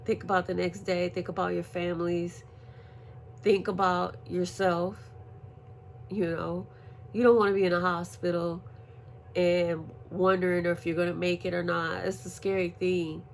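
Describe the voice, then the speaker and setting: A woman recovering from surgery, telling a story in a profane, animated casual vlog. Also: lowish voice, unhurried, vocal fry, slight background noise. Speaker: vlogger. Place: at home, indoors.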